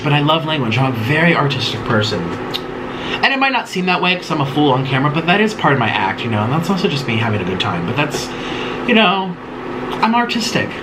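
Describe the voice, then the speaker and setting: A man in his late twenties chatting loosely while eating, reading viewer questions aloud and rambling with many ums and little giggles. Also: medium pitch. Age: late 20s. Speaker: mukbang host. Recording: steady air-conditioner hum behind.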